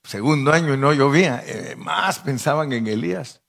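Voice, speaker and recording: A middle-aged man delivers a storytelling sermon in a mid-range voice. He talks to his listeners as brothers, in a chatty way, and leaps into animated, high-pitched voices when he acts out the people in his stories. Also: moderate pace, gravelly. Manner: addresses listeners as brother, conversational. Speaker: pastor.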